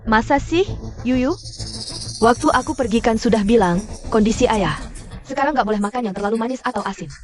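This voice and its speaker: Brief: woman voicing a fiery middle-aged mother, indignant and scolding, slightly high voice. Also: fairly quick, pauses often, faint music behind, natural voice. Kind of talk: dubbed mini-drama acting.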